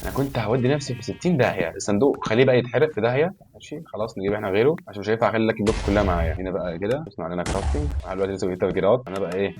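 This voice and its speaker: Fast-talking Egyptian gamer, exasperated. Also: male voice, lowish voice, darkish tone, slight background noise. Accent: Egyptian Arabic. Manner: rapid, exasperated, swearing and pleading at the game. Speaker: gaming YouTuber. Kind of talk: live gameplay commentary.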